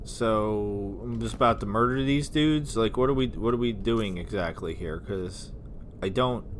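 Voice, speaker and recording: A man's voice: on the low side, measured pace, slight background noise. A man giving casual, wry commentary while playing a video game. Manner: offhand, wry. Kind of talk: casual let's-play commentary.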